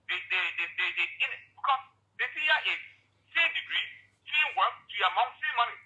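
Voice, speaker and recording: A man's voice: extremely high pitch, lively intonation, a little fast, creaky, sharp tone. A man, calling a radio show by phone while he drives. He argues earnestly and stumbles into repeated restarts. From Liberia. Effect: calling in by phone while driving a car. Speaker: radio call-in caller. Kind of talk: call-in commentary. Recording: muffled phone line from a car.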